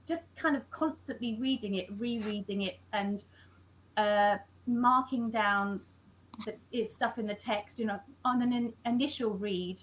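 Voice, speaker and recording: This woman's voice sits a little high and sounds fairly bright. A scriptwriter, she talks through her work in a casual interview on a video call, halting and restarting her sentences often, and the low-quality recording carries a slight hiss or hum.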